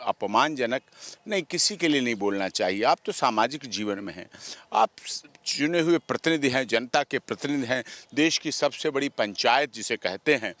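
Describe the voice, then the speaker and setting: A man's voice: medium pitch, expressive, moderate pace, fairly bright tone. A man, a lawyer, giving emphatic comments in an interview and stacking up his points in long repeated lists. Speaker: lawyer guest.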